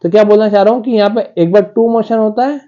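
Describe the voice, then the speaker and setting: A man's voice: high-pitched, fast talker, dark tone, dull audio. A male physics teacher, giving a classroom lecture and talking straight to his students, often voicing their questions himself. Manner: talks to students directly, acting out their questions.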